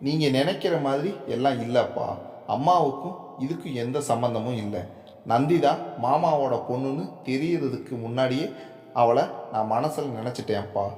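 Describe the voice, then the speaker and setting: A man's voice: mid-range voice, normal speed, darkish tone, lightly acted. A man voicing an earnest young son who firmly stands up to his father. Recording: echoey room with long reverb.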